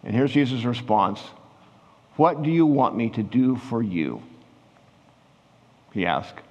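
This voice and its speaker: A man's voice: mid-range voice, takes it slowly, dull audio. Man preaching in a reverberant hall. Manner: conversational, animated when retelling scripture scenes. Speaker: pastor. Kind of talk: sermon.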